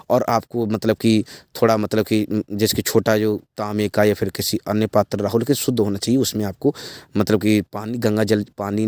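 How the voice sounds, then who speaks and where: Guy with a lowish voice walking viewers through a ritual, rambly, lots of repeats, dry close sound. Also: mellow, dry recording. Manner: rambling, repeats himself with frequent filler phrases. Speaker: occult ritual channel host. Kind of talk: spoken ritual instructions to viewers.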